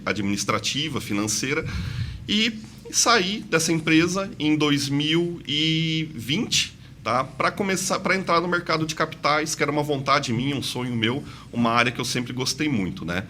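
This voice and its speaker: Speaking at a moderate pace in a mid-range, pushed and bright voice, this podcast guest shares personal stories in a relaxed interview. He's a 46-year-old investment advisor from inland São Paulo whose Brazilian accent mixes São Paulo and Santa Catarina. Slight background noise is audible.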